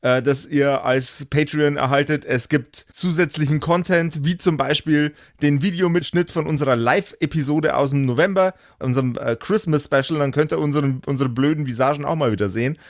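A podcast host and game master with a fairly high voice rambles through a casual, improvised outro chat, jokey and self-deprecating. He talks fairly quickly with hardly any pauses, and the studio-quality recording has no echo.

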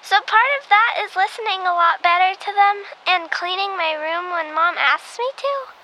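Brief: curious little girl caller, very high bright voice, faint background hiss, acted by a woman. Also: normal speed, rough recording. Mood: earnest. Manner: earnest, curious. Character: earnest nine-year-old girl caller.

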